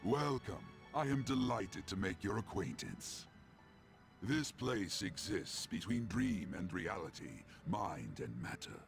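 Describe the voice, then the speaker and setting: Possessed demon-like old game villain, gravelly, formal and ominous, huge swoops in pitch, music behind. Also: male voice, very animated, full character voice. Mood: ominous welcome. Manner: slow, ominous, grandly formal. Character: sinister old male master of a dream realm, formal and menacing. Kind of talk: video game voice acting. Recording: music under the voice.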